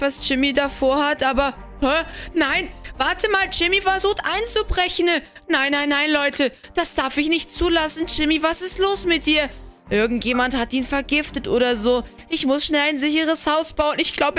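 Young guy gaming host, really high voice, dramatic and excitable, faint music behind. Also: normal speed. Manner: excitable, dramatic, talks to viewers. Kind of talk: game role-play commentary.

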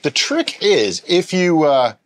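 With bottle-filled shelves behind him in his home studio, this middle-aged brewing show host takes things slowly, his voice on the high side. He explains each step casually and animatedly while handling gear at a table, with slight background noise present.

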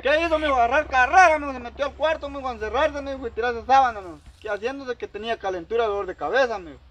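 A man's voice: very high voice, very fast, low-quality recording. Rambling man telling a story. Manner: rambling, heavy use of quoted dialogue. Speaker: storyteller recounting a personal dispute. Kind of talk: casual storytelling.

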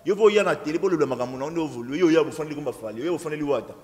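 A man chatting excitedly as a guest on a studio talk show, rapid and animated, repeating himself and mixing French with Lingala. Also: fairly high pitch, long reverb tail.

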